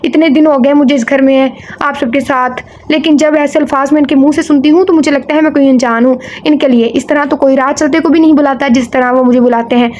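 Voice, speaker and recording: A woman's voice: high voice, fairly even intonation, brisk, hardly any pauses, darkish tone, slight background noise, natural voice. Woman reading an innocent young wife. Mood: hurt. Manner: plaintive and earnest.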